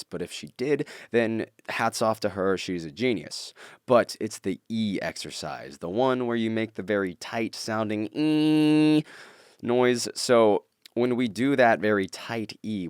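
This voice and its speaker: A man giving a tutorial on vocal technique, explaining things step by step as a teacher. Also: lowish voice.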